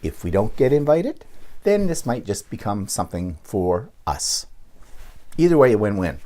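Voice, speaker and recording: A middle-aged man from Canada, chatting casually on his quilting vlog, rambling with frequent ums and restarts, clearing his throat now and then. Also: lowish voice, big pitch swings, moderate pace, dark tone. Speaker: quilting vlogger. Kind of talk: casual show-and-tell vlog.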